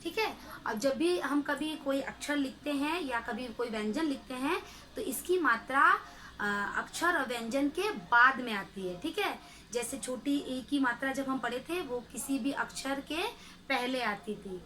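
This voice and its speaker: Slow, bright-voiced woman teaching a class. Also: sits high, animated, low-quality recording. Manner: slow, drawn-out syllables for pupils to repeat. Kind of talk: children's Hindi lesson.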